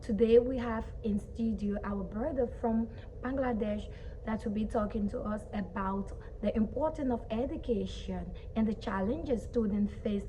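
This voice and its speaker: Mellow-voiced woman hosting an interview. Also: medium pitch, slight background noise, low-quality recording. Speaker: host.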